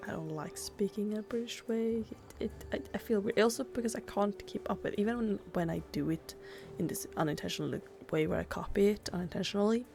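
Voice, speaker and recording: Chatty woman with a gravelly voice. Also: medium pitch. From Sweden. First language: Swedish. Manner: chatty and rambling, full of "like" fillers. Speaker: gaming YouTuber. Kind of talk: casual gameplay commentary.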